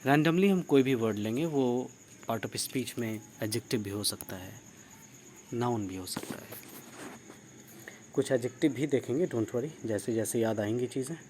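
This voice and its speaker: A man's voice: medium pitch, normal speed. A man teaching an online grammar lesson, who asks his class questions, praises their answers and spells words out letter by letter. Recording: steady insect and cricket noise behind.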